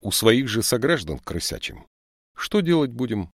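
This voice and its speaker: A man's voice: medium pitch, sing-song, moderate pace, vocal fry, no room sound, studio quality, pitched above the performer's own voice. A man voicing a strict, stocky woman police lieutenant in an audiobook, scolding and lecturing young thieves. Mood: stern. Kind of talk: audiobook character voice.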